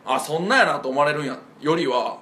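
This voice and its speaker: A man's voice: fairly high pitch, brisk, slight background noise. A man in casual chat, chiming in freely and giving his own views. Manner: relaxed, chatty, frequent backchannels.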